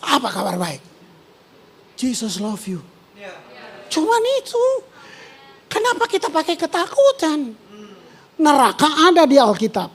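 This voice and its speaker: A woman pastor, preaching a sermon in an animated, slangy way with English words mixed in. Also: sits high, moderate pace.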